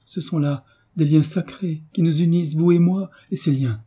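A man's voice: medium pitch, moderate pace, dark tone, husky. A man reading aloud, voicing a young mother who begs desperately in an imploring, supplicating way.

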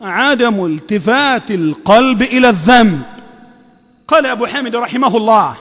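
A man's voice: extremely high pitch, animated, normal speed, fairly bright tone, big-room sound. A man with an Egyptian accent preaching a sermon, emphatic and repetitive, quizzing his listeners. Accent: Egyptian Arabic. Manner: emphatic, repeats phrases, quizzes the audience.

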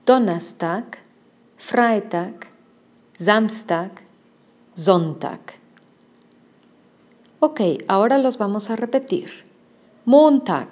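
Woman, language teacher, slow deliberate delivery, patient drills, careful enunciation. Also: mid-range voice, a little mellow. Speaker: German teacher.

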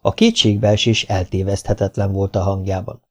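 A man reading a novel aloud as audiobook narrator, measured and even. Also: sits low. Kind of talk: scripted narration.

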